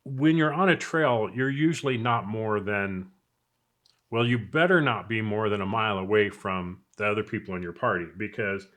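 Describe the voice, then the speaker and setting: Speaking from inside a house, this American product reviewer and off-road video host chats with viewers, offering laid-back opinions and tips. He has a lowish voice, a fairly bright tone, and a moderate pace.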